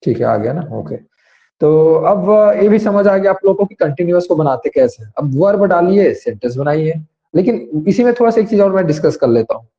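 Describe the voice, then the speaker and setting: A man teaches grammar in an online class, speaking in a somewhat high but dark, mellow voice. He explains step by step and keeps asking students to raise their hands. The recording sounds dull and lo-fi. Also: expressive, a little fast.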